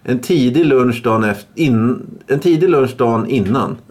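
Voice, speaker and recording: Halting man in a casual chat. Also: mid-range voice, a little mellow. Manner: halting, searches for words. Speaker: podcast co-host.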